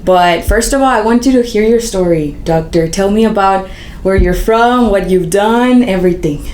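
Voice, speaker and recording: A woman hosts a casual interview podcast in a friendly manner, her pitch sitting in an ordinary middle range. She answers her guest with quick backchannels. The recording has a roomy echo. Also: darkish tone, slight background noise. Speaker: podcast host.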